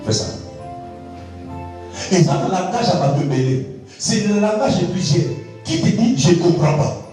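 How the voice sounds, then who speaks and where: A man preaching a sermon. He repeats words for emphasis and swings from low asides to shouted high lines. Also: animated, measured pace. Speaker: pastor. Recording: very echoey, distant from the mic, faint music.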